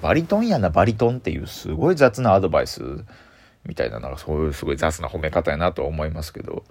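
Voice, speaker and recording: A male comedian with a Kansai accent hosting a solo radio talk, chatty and self-mocking, his pitch rising as he gets excited. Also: fast. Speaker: comedian and show host.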